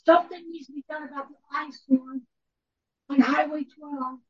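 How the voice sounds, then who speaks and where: A woman's voice: high-pitched, fairly even intonation, moderate pace, darkish tone. A woman giving a public comment over a video call, her voice weak and strained, not yet recovered. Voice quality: strained, faint. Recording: dull lo-fi call audio.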